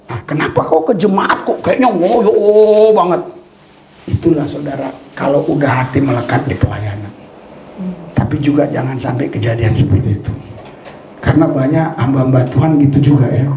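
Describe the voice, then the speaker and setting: A male pastor preaching to a congregation, telling personal stories in an animated way, often laughing and calling out hallelujah. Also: medium pitch, moderate pace, a little hiss or hum. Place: church service with congregation. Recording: roomy echoing hall.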